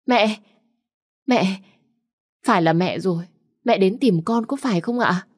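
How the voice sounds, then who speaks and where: A woman's voice: fairly low pitch, normal speed, darkish tone, no room sound, studio quality, close to an everyday voice. A woman voicing a scheming young woman who begs tearfully in a raised, pleading voice. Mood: eager. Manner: pleading, sobbing, wheedling.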